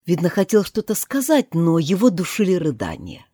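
A woman narrating an audiobook of a fairy tale in a slow, expressive reading. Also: fairly low pitch, husky, dry recording, studio quality. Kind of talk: scripted narration.

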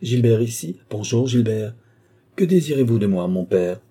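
A man's voice: fairly low pitch, animated, moderate pace, warm tone, husky. A man voicing a frank, friendly young army captain in an audiobook reading. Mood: cordial.

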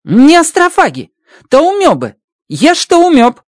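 A squeaky excitable alien engineer. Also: male voice, slow, no echo, studio quality, heavily acted. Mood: insistent. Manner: broken grammar, tags questions with a spoken word. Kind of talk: audiobook character voice.

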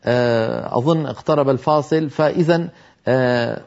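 A man teaching Quran recitation in a televised lesson, explaining carefully and slowly demonstrating how words are pronounced. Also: mid-range voice, gravelly, a little mellow, dull audio.

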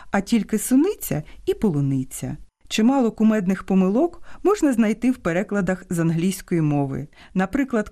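A woman with a Ukrainian accent hosting a scripted radio talk on language, teaching in a didactic way and stressing her examples. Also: on the low side. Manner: didactic, lively intonation with emphatic examples. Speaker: radio host.

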